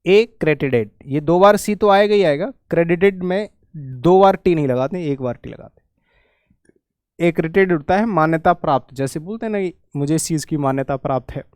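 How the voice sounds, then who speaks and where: A man teaching an exam spelling lesson, spelling out words letter by letter and repeating them slowly. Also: a little high, a little mellow, smooth, dry recording, clean studio sound. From India. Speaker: English teacher.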